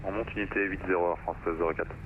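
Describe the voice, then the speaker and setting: A man's voice: deep voice, fairly even intonation, very fast, phone-quality sound. A man speaking as a pilot over the radio, giving clipped readbacks to air traffic control. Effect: aviation radio. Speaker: flight simulation pilot on the radio. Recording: distant radio transmission with background noise.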